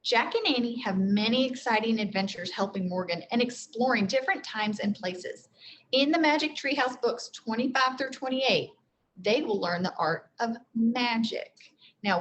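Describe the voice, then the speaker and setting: A female teacher reads a storybook to children, explaining things simply and often checking in with questions. Her voice is on the high side and fairly bright, though the recording is rough.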